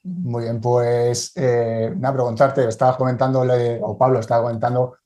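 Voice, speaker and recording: A man's voice: medium pitch, little pitch movement, normal speed, mellow. A man with a Spanish accent hosting a podcast, agreeing often and asking long, rambling questions. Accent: Spain Spanish. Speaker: podcast host. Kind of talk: casual interview talk.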